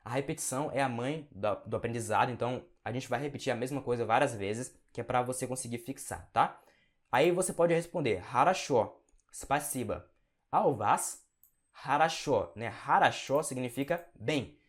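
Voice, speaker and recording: A man teaching a language lesson in a casual tone. He slows down to drill pronunciation and keeps checking in with short tag questions. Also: mid-range voice.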